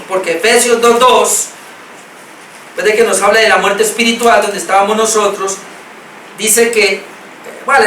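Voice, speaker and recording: Bright-voiced Colombian pastor preaching. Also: male voice, high-pitched, a little hiss or hum. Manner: earnest, repetitive preaching with scripture readings. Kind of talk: sermon. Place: church hall. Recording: echoey hall, mic at a distance.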